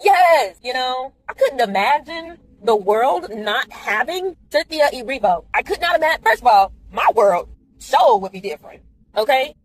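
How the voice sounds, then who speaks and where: A woman's voice: sits high, normal speed, rough recording. Chatty woman vlogging from her car. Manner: chatty, candid, animated asides to viewers. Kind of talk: casual driving vlog monologue. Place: car, driving in the rain.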